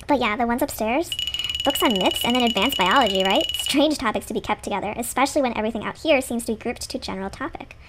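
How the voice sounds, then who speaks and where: A woman voicing a quick eager male game doctor. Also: on the high side, natural voice. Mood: musing. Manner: excited, quick-reasoning. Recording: loud background noise.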